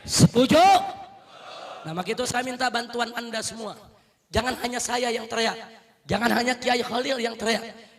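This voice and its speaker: A middle-aged male preacher with a very high, piercing voice delivers a fiery sermon to a large gathering. He rouses the crowd, repeats his call to the brothers again and again, and leads them in answering chants. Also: fairly bright tone. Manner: rousing, repeats "saudara", calls for takbir and crowd responses. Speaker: Islamic preacher.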